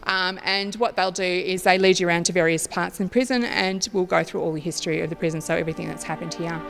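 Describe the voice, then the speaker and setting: An Australian woman speaks as a tour guide being interviewed, explaining history in an informative way. Her voice sits a little low and has a marked creak. Music plays clearly behind her. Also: steady tone, quick pace. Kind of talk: informative interview talk about local history.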